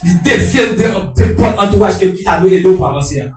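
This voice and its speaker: A man preaches a fervent sermon in a raised, high voice, often repeating and restarting his phrases before breaking into shouted alleluias. He sounds distant from the microphone inside a reverberant hall. Faint music plays underneath. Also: normal speed. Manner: impassioned, shouted calls of alleluia. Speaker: prophet preaching. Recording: echoey hall picked up from a distance.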